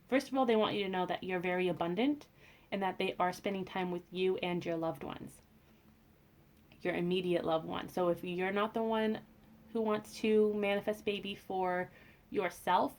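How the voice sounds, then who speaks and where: Gentle-voiced woman tarot reader. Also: mid-range voice. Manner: gentle and reassuring, with fillers and restarts. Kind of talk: casual spiritual reading.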